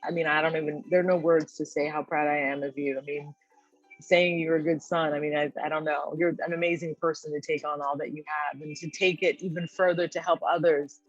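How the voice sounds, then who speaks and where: A woman's voice: low-pitched, little pitch movement, fairly quick, no room sound, dull audio, faint music behind. A woman guest in a podcast conversation, speaking thoughtfully and often checking in with a tag question.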